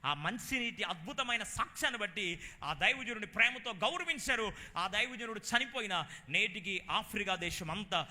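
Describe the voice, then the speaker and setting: Telugu preacher guy, high bright voice, big church echo, goes from shouting to soft asides. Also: lively intonation, normal speed. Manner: impassioned, swinging from loud exclamations to low asides. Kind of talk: sermon. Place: church hall.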